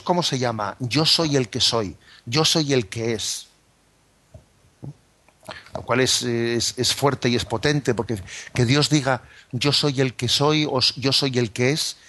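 A man's voice: medium pitch, fairly bright tone, no echo. A man explaining scripture as a catechism teacher, speaking thoughtfully with frequent tag questions and fillers.

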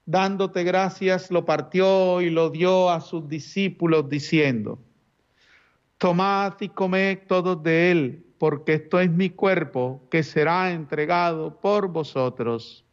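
A man's voice: a little high, takes it slowly, lo-fi sound. A man speaking as a priest at Mass, reciting liturgical prayers in a solemn, formal manner.

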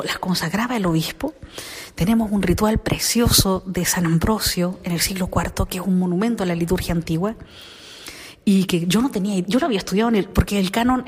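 A middle-aged woman with a husky, slightly low voice tells her story in an interview. She speaks in an animated way and often softens into near-whispers. The sound carries a long room reverb. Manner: animated storytelling, many soft whispered asides. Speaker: consecrated virgin, singer.

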